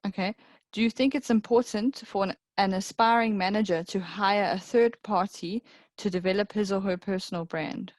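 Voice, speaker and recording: A woman with a mid-pitched voice moderating an online webinar and reading out questions from the audience. She is brisk and matter-of-fact. The sound is dry and close, like a video call. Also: steady tone, a little mellow, dry recording.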